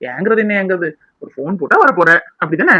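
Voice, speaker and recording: A man's voice: high voice, sing-song, fast, sharp tone, slightly rough, no room sound, muffled recording, full character voice. Man voicing a smug, taunting cartoon schemer. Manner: mocking and needling. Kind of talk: cartoon voice acting.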